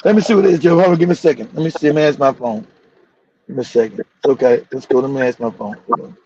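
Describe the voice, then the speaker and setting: A man's voice: medium pitch, racing, dark tone, muffled recording, a little hiss or hum. A man hosting a livestream talk show, delivering fiery, profane, repetitive commentary. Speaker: show host.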